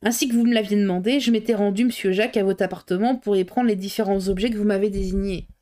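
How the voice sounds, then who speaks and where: A woman's voice: mid-range voice, fairly even intonation, fast talker, dark tone, close to an everyday voice. Breathless rambling gossip cook, as a woman reader puts her on, chatty and colloquial. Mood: gossipy.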